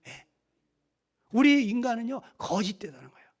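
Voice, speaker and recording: A man's voice: very high-pitched, normal speed. A man preaching a gospel meeting sermon, emphatic and constantly prodding listeners with rhetorical questions. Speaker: lay preacher.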